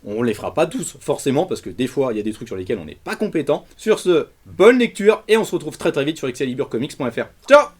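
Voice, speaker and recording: A man hosts a casual video review, talking fast and loose with plenty of slang. His delivery is animated and emphatic. He speaks at an ordinary middle pitch. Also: husky. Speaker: comics reviewer.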